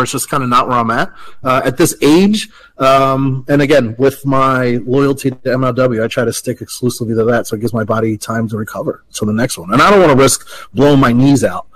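A man in his late thirties, a professional wrestler, talking in a relaxed, chatty way as an interview guest. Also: medium pitch, poor audio. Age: 30s. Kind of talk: casual interview talk.

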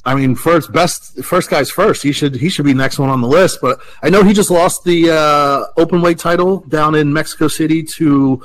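A man in his late thirties, a professional wrestler, talking in a relaxed, chatty way as an interview guest. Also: fairly high pitch, normal speed, hardly any pauses, low-quality recording. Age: 30s. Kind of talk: casual interview talk.

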